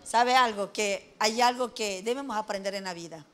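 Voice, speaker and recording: A woman's voice: medium pitch, normal speed, a bit bright. A middle-aged woman with an Ecuadorian accent preaching a conversational sermon, folksy, asking her listeners questions and joking lightly. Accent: Ecuadorian Spanish.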